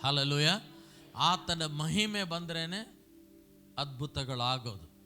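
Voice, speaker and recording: A man's voice: fairly high pitch, slow pace, bright, forceful tone, faint music behind. A middle-aged pastor, preaching animatedly and having the congregation repeat his phrases. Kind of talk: sermon with call-and-response.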